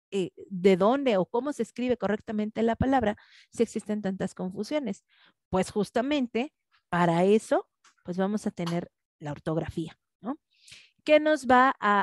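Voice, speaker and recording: A woman's voice: medium pitch, dry recording, studio quality. A woman teaching a class in a conversational way, often checking in with tag questions. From Mexico. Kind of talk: online class lecture.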